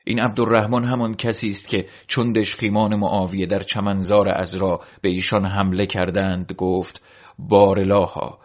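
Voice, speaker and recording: A man narrating a historical account in a solemn, measured reading style, voicing the quoted exchanges within it. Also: low-pitched. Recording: dull lo-fi recording.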